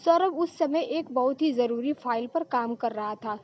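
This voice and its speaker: A woman narrating a story in a steady, plain telling style. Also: high voice, normal speed, muffled recording.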